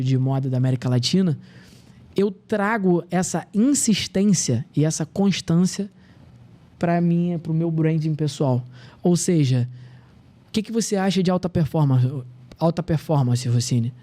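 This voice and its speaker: Thirties male guest, earnest and reflective, warm dark voice, a bit high-pitched. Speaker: podcast guest. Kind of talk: casual podcast conversation.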